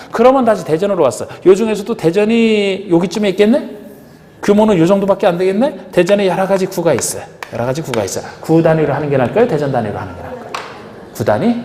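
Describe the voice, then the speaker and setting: A man lectures a class with a lively, rising-and-falling voice, firing rhetorical questions at his students. His tone is mellow and slightly high. The sound carries the long echo of a big lecture hall, with faint noise underneath. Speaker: real estate agent exam instructor.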